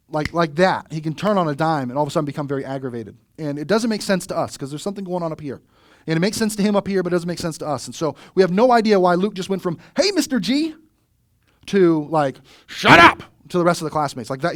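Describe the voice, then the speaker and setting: A man preaching a sermon as pastor, telling stories in a conversational, animated way and often asking "right?". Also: a little high, no room sound, clean studio sound.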